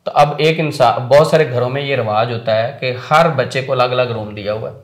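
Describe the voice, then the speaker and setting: A man's voice: mid-range voice, brisk. Guy on a religious talk show, earnest, goes point by point, roomy echoey sound. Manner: earnest, explains in numbered points, quotes hadith. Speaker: spiritual healer guest.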